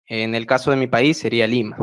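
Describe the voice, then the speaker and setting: A man from Peru's central Andes with a Peruvian Spanish accent, giving a measured prepared talk at an online meeting, pausing often with hesitant fillers. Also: medium pitch, fairly even intonation. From Peru, central Andes. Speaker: speaker at an online project meeting. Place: home, remote video call. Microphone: video call mic.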